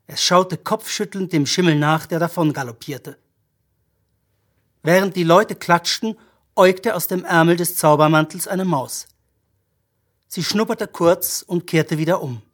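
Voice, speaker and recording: A narrator reading a story for an audiobook in a measured, even-paced manner. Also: medium pitch.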